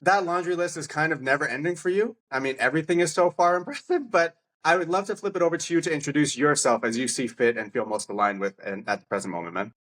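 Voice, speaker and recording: A middle-aged man hosts a podcast in casual interview mode, friendly and chummy and laughing often. His fairly high, slightly bright voice moves fast with few pauses, recorded on a podcast mic.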